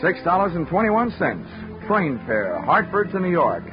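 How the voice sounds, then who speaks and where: A male actor with a high voice plays a wisecracking, flirtatious freelance insurance investigator in a 1940s radio detective drama, his deadpan lines wry and dry at normal speed. The vintage radio recording sounds dull, with music behind him.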